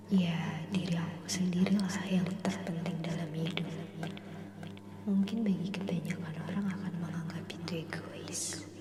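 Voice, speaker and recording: A woman giving gentle ASMR affirmations in a slow whisper, her voice carried by a digital echo effect. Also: lowish voice, background noise. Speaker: ASMR host. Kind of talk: soft-spoken ASMR affirmations. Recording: long echoey reverb effect.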